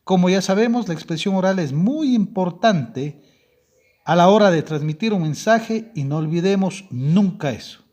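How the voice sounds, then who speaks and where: Man, young adult, high voice, language teacher, lecture, checks understanding often, self-corrects. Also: animated, moderate pace, a little mellow. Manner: explains step by step, checks in with "¿sí?"; frequent self-corrections and restarts. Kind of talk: classroom lecture.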